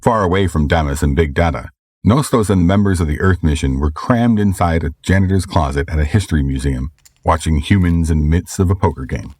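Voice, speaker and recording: A man narrates a scripted story in a very deep, husky voice. His delivery is measured and steady, as if reading an audiobook. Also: no echo, studio quality.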